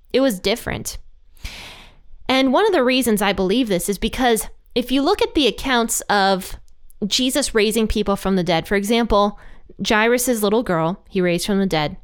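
A woman's voice: mid-range voice, smooth. A woman hosting a podcast, giving earnest, conversational Bible teaching and retelling scenes playfully.

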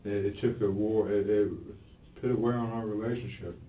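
A man's voice: on the low side, steady tone, a little hiss or hum. Man rambling in a distant, tinny room. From Florida. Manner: rambling, halting, with many restarts. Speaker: interviewee. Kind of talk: police interrogation. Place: police interview room. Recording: echoey, distant, phone-like interrogation room audio.

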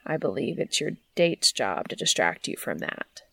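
A woman voicing a gentle adult man who speaks low, quiet and close, reading a storybook. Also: very animated, moderate pace, creaky, husky, no echo, heavily acted. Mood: soft, reassuring. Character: gentle, soft-spoken adult man on a date.

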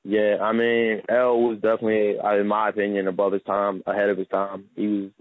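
A man's voice: on the low side, monotone, a little fast, no room sound. A man in his twenties from Maryland, a rapper talking about himself in a laid-back, modest way over a phone line. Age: 20s. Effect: heard over a phone line. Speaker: rapper, interview guest. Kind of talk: casual phone interview. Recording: tinny dry phone line.

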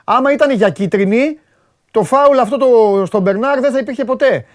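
A man's voice: very high-pitched, dry recording, clean studio sound. A man hosting a sports show, chatting casually, joking and repeating words for emphasis.

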